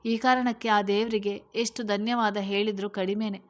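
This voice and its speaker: A woman's voice: medium pitch, flat delivery, moderate pace, natural voice. A woman voicing a young woman, tearful and earnest, in a read-aloud storybook. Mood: emotional. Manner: pleading, emotional.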